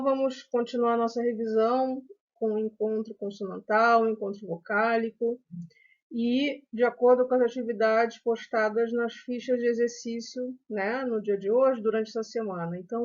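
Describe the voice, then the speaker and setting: A woman teacher with a Brazilian Portuguese accent giving a recorded review lesson to children, explaining slowly and patiently and often checking with "né?" and "ok?". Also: a little high, fairly even intonation, a little mellow. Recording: dull lo-fi sound.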